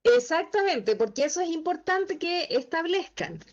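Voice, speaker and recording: Female instructor, high voice, patient step-by-step teaching, slightly muffled call audio. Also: sing-song, moderate pace. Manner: patient, asks the class checking questions. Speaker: Excel instructor. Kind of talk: online class teaching. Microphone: video call.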